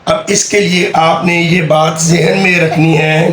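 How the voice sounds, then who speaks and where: A man teaching an English grammar lesson, explaining slowly and patiently and repeating key words. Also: fairly high pitch, little pitch movement, a bit bright. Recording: echoey room with faint background hum.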